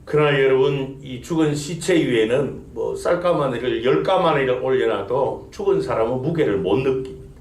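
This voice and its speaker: A man's voice: mid-range voice, expressive, normal speed, few pauses, darkish tone. A male pastor preaching a sermon, building emphasis and asking the congregation rhetorical questions. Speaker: senior pastor. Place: church sanctuary. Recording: echoey church sanctuary.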